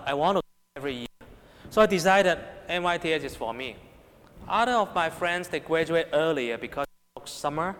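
Preaching to young people in a space with long hall reverb, a man with a Hong Kong Cantonese accent speaks in a voice on the high side and a bit bright. He is emphatic, frequently raising and lowering his voice, and he keeps asking rhetorical questions and checking in with listeners.

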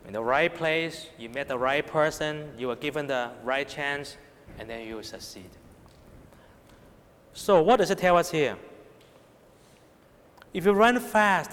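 The preacher, a man with a Hong Kong Cantonese accent, has a fairly high, slightly bright voice. Addressing young people with emphasis, he often lifts and lowers his voice, poses rhetorical questions, and keeps checking in with listeners, all carried by a long hall reverb.

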